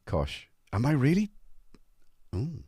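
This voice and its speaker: A middle-aged livestreamer from North Wales chats casually with viewers at home, joking and greeting them by name in a North Welsh accent. His mid-range, mellow voice has a breathy edge, swoops wildly in pitch, and moves at a slow pace. The studio-clean audio carries no room sound.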